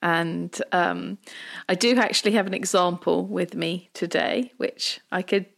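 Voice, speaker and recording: A woman with a gravelly voice talking in a casual, loosely conversational way as a podcast co-host. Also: on the low side, measured pace, a bit bright.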